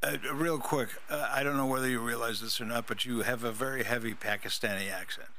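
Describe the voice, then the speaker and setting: A man's voice: mid-range voice, fairly even intonation, brisk, sharp tone, a little hiss or hum. A man co-hosting a radio show in casual banter, blunt and teasing, often stammering over repeated words.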